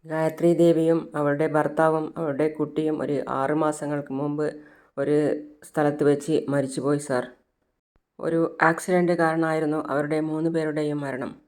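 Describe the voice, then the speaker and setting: A woman's voice: normal speed, lightly acted. A woman reading as a somber messenger man. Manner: low, even reading voice. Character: somber man bringing sad news.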